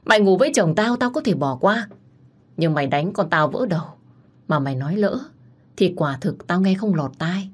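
A woman's voice: lowish voice, expressive, normal speed, slightly rough. A woman voicing a furious, scornful middle-aged wife who hurls threats at her rival.

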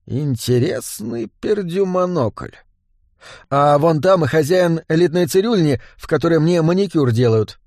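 Brief: a man reading as a prim elf, lively pitch, sniffy, dry sound. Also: a little slow, dry recording. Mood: disapproving. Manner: prim and disapproving. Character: fussy, prim male elf, disapproving. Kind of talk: audiobook character voice.

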